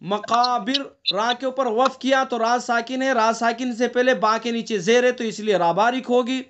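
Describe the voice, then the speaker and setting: A man teaching Quran recitation in an online class, asking his students questions and going over the rules step by step, with slow drawn-out recitation of the verses. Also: very high-pitched, steady tone, a bit bright, highs cut off.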